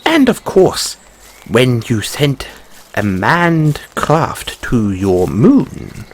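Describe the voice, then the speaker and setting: Extremely slow and exaggerated, a man's medium-pitched voice swings hugely in pitch as he plays an anxious, polite, whimsical rabbit boy. The stammered, courteous, old-fashioned lines belong to a theatrical fantasy audio roleplay aimed at the listener, with a whimsical, musing mood.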